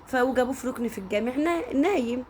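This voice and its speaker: A woman's voice: sits high, animated, fast talker, a little mellow, slight background noise. A woman with an Egyptian accent telling a story in a casual, chatty way, often turning to speak directly to her listeners. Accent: Egyptian Arabic.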